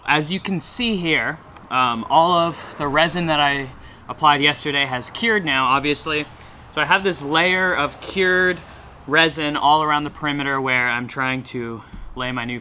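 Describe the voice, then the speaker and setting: A young man chatting casually in a garage workshop vlog, self-deprecating and quick to laugh. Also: medium pitch, sharp tone, a little hiss or hum. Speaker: vlogger.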